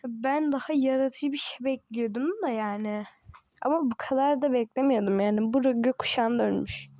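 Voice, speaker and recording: A woman's voice: sits high, normal speed, mellow, no room sound, muffled recording. A woman giving casual, teasing commentary over a game she is playing, chatting to herself and laughing often. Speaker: gaming channel host.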